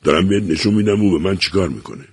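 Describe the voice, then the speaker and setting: A man's voice: low-pitched, darkish tone, slightly rough, no echo, clean studio sound. A man reading a novel aloud, voicing a middle-aged son who pleads emotionally and self-pityingly with his father. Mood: desperate.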